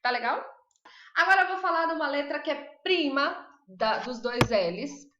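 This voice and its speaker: A Brazilian woman teaching Spanish in a live online lesson, chatty and drilling words slowly, with a Brazilian accent. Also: high voice, expressive, very noisy. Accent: Brazilian Portuguese. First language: Portuguese. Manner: chatty, repeats words slowly for students to copy. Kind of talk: live online lesson, reading chat questions. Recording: echoey room, dull lo-fi sound.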